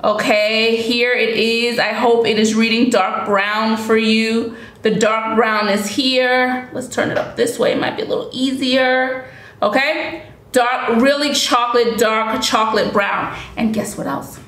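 A woman's voice: on the high side, fairly even intonation, unhurried, a bit bright, roomy sound. A woman in a casual beauty vlog, chatting enthusiastically about products and often repeating words for emphasis. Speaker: beauty vlogger.

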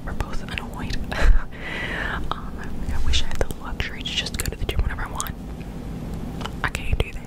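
A woman's voice: normal speed, long pauses, rough recording. Whispering young woman, tingly ASMR mouth sounds. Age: young adult. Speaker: ASMR creator. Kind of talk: whispered ASMR, chatty casual rambling. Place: small room at home, indoors. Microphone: large desk microphone up close, headphones on.

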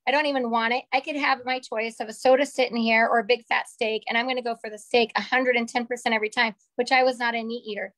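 Talking fast with few pauses, a woman in her forties tells a candid story about herself over a webcam video call from a small room at home. She is chatty and gestures with her hands. Her slightly raspy voice is on the high side, steady and fairly bright, in a dry recording.

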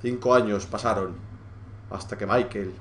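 A young man with a Spain Spanish accent giving live gameplay commentary as a streamer, excitable and joking, swearing freely as he plays. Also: lowish voice, moderate pace, slight background noise. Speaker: gaming streamer.

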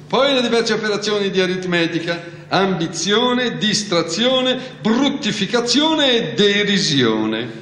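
A man reading aloud and voicing a sad old mock turtle who speaks slowly and low. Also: big pitch swings, a bit bright, heavily acted. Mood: pompous. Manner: slow, low and mournful. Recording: echoey hall, faint music.

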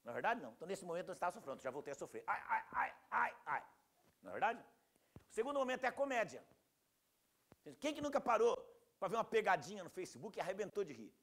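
A man teaching a class in a lively, animated way. He acts out the people he quotes in a raised voice and keeps asking the class whether it is true. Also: sits high, very fast. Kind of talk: classroom lecture.

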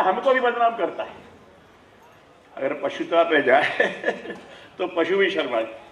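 A man giving a lively spiritual discourse, asking rhetorical questions and chuckling as he makes his points, speaking through a microphone and loudspeaker to an audience. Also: high-pitched. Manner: chuckles while making points. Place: ceremony hall with audience. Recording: echoey hall, heard from a distance.

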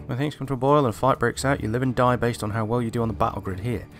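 A game reviewer with a mid-range voice talks rapid-fire, giving casual video game commentary and reading text aloud. Game music plays in the background.

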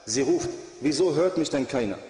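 A man's voice: medium pitch, lively intonation, normal speed, a little mellow, natural voice. A man voicing a frightened dying young girl who calls for her family, recorded with echoey hall reverb. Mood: pleading.

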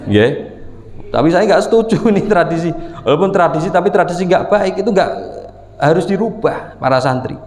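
A man with a Javanese accent teaching a religious study class, telling stories and often asking for responses, jumping up in pitch for emphasis. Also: lively intonation, a little fast, a little mellow. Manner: storytelling with frequent call-and-response "nggih"; rises sharply in pitch for emphasis and when voicing the sheikh. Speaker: kyai teaching a kitab study. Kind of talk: Islamic study sermon. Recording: echoey hall reverb.

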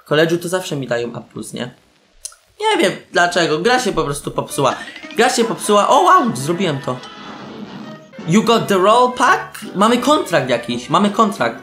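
A young man giving excitable let's-play commentary, shouting, laughing and tossing in English slang. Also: a little high. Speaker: gameplay commentator. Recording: roomy echo with faint game music.

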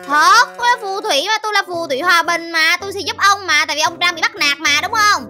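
A woman's voice: extremely high pitch, fast talker, faint music behind, heavily acted. A woman voicing a friendly young witch girl in a Minecraft role-play, confident and reassuring. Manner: reassuring, playful, lively.

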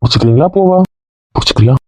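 A man's voice: mid-range voice, animated, rapid-fire, darkish tone, dry recording. A man in a casual comedy skit, teasing and mock-threatening the others in a bossy way.

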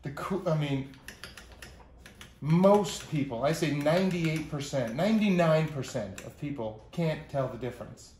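A man's voice: on the high side, animated, unhurried, a little mellow. A middle-aged man from New York with a New York accent, rambling casually and joking while he works on his gear. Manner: rambling, jokey asides, talks to his gear. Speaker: synth repair vlogger. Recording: roomy room, faint hiss.

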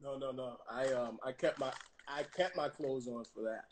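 A man being interviewed as a guest, answering in a laid-back, halting way with dry humor. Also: mid-range voice, a little hiss or hum. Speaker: guest actor. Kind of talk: casual interview.

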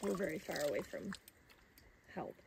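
A woman speaking briskly and practically at an outdoor lakeside campsite, directing her family. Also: on the low side, expressive, creaky. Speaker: mother at camp. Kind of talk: casual family chat. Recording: distant voice, loud outdoor noise.

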